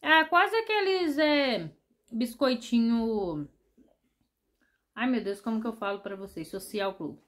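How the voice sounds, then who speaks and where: A woman's voice: a little high, expressive, slow pace, fairly bright tone. A woman chewing while she talks in a casual taste-test vlog, chatting straight to her viewers. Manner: chatty, addresses viewers directly. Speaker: vlogger.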